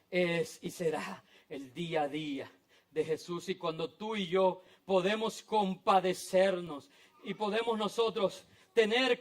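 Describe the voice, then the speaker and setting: A man preaching a sermon in a church, dramatic, swinging between loud outbursts and hushed, near-whispered lines. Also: high voice. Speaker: pastor.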